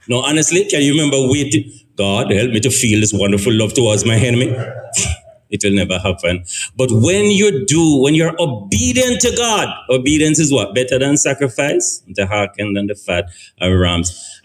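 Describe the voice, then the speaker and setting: Jamaican man preaching to parents and teens. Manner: storytelling, sweeps up high when stressing a point; often checks in with "right?". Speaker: speaker at a family forum. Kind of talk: sermon-like talk to parents and teens.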